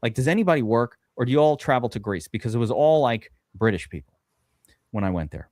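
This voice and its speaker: A man's voice: medium pitch, animated, fast talker, a little mellow, dry recording, clean studio sound. A man, hosting a live fantasy football stream and telling a long, rambling story with lots of swearing and fillers. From USA. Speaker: podcast host drafting fantasy football. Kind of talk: casual live-stream chat.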